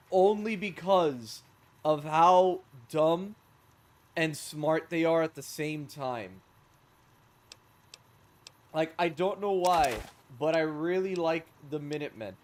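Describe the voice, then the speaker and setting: A man streaming a game, chatting casually as he plays, rambling and correcting himself with sarcastic asides. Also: a little high. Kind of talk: casual gameplay commentary.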